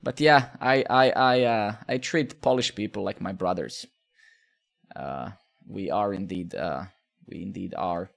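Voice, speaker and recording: A man's voice: deep voice, measured pace, gravelly. A man in his thirties from Serbia, chatting casually with viewers while live coding, rambling with fillers, swearing and asking "right?". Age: 30s.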